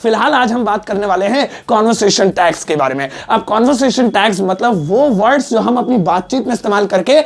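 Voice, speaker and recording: A man leads an English lesson with a gravelly edge to his voice. He jokes and teases between explanations and says every example twice, once in Hindi and once in English. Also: high voice, lively intonation, fairly quick, few pauses. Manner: joking, teasing asides between explanations. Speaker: English teacher. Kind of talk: classroom-style spoken lesson.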